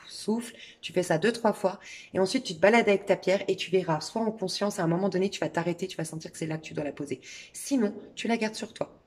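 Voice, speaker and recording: A middle-aged woman giving a spoken tarot and crystal reading, talking calmly and directly to the listener with many fillers. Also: medium pitch. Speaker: tarot reader.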